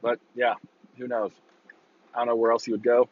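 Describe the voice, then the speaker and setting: A man's voice: medium pitch, monotone, moderate pace, narrow, tinny audio. A man with a worn, burnt-out voice giving a casual, profane, blunt rant as a football talk host. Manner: opinionated, breaking into mocking quotes.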